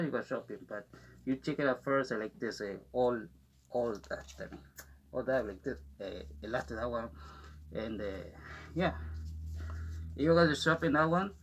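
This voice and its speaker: A man's voice: medium pitch, fairly bright tone. Man talking through a gas mask. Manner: halting, rambling non-native English with many restarts. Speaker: vlogger unboxing a gas mask. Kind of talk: casual unboxing commentary.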